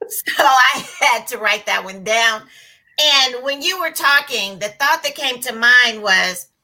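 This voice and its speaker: A woman co-hosts a casual faith conversation and answers with affirming comments and folksy turns of phrase. Her voice is very bright and sits fairly high. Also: poor audio.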